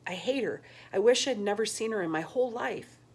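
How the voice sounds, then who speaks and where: A woman's voice: on the low side, normal speed, darkish tone. A woman reading a novel aloud, voicing a grieving fifth-grade boy who cries out in raw, raised outbursts. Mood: anguished.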